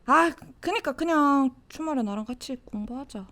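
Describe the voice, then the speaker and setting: A woman voicing a cocky, teasing teenage girl classmate in a Gyeongsang dialect, in a whispered role-play with a soft, close-mic delivery. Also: high-pitched, animated, normal speed. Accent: Gyeongsang Korean dialect. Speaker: voice actor.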